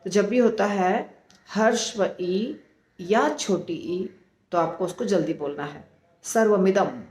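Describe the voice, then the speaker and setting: A woman teaching the pronunciation of scripture, slow and deliberate, sounding out syllables one at a time. Her voice sits at an ordinary middle pitch and carries a noticeable echo from the room around her. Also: darkish tone.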